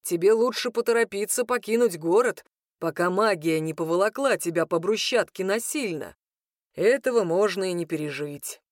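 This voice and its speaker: A woman voicing a grim, sardonic male mage in an audiobook, with a dry, low, warning tone. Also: expressive, normal speed, no room sound, natural voice.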